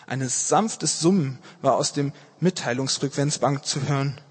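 Husky man reading a story aloud. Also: medium pitch, unhurried, long reverb tail. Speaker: narrator. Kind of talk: audiobook reading.

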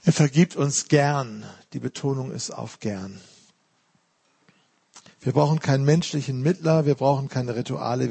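Guy giving a sermon, earnest, chatty asides, warm dark voice with some fry. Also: mid-range voice. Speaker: pastor.

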